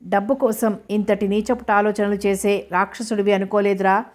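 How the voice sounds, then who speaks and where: A woman's voice: medium pitch, flat delivery, unhurried, clear, resonant tone, lightly acted. A woman doing a reproachful elderly mother. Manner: scolding, reproachful. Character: mild elderly mother turned furious.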